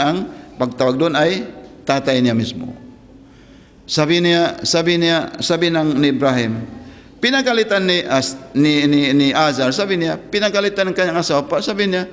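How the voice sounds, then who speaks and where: A man with a fairly high voice preaches a religious story in a rambling way, often asking listeners "ha?" and slipping in Arabic phrases. A long reverb tail trails his words.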